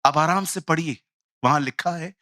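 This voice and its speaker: A man preaching a lively sermon in Hindi mixed with English phrases, telling stories and acting out the voices in them. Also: a little high, moderate pace, no room sound, studio quality. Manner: animated storytelling, acts out quoted voices, jokey asides.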